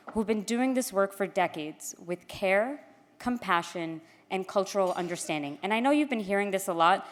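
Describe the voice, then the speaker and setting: A woman from Queens gives an informal, candid, self-deprecating podium speech as she introduces an honoree. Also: mid-range voice. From Queens, New York. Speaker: gala speaker introducing an honoree. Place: large indoor event hall, public address. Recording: echoey hall with long reverb.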